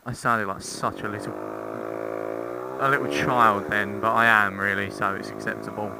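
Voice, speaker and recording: Here a young motorcycle vlogger's fairly low, creaky voice comes through his helmet intercom mic over loud engine and road noise. He sounds animated and keeps a measured pace as he casually rambles through a review while riding on roads, with some swearing and self-mockery.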